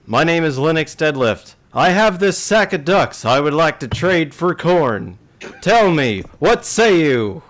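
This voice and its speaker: A bumbling, self-important adventurer, played by a man at the table, announcing himself to a whole tavern. His voice rises high and loud with grand, theatrical pride. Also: expressive, slow. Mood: grandiose. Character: boastful bumbling adventurer who trades wooden ducks.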